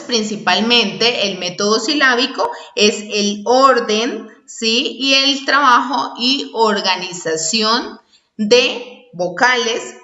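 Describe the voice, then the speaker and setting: A woman instructor giving a lesson, explaining step by step and often checking in with a quick question, sounding out syllables slowly. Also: on the high side, bright, forceful tone. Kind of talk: recorded online lesson. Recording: dull echoey room recording.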